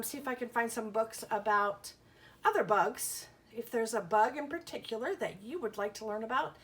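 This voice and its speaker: A woman with a sharp, higher-pitched tone teaches young children. Reading a picture book aloud, she explains in simple terms, asks questions, and sounds out letters and words with clear emphasis.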